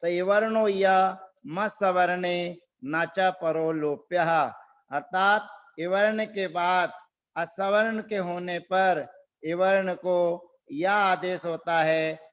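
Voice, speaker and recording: A man teaching a Sanskrit grammar class online, reciting rules slowly and repeating them for the students. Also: high voice, steady tone, a bit bright, muffled recording. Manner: slow, repeats rules and drills pronunciation.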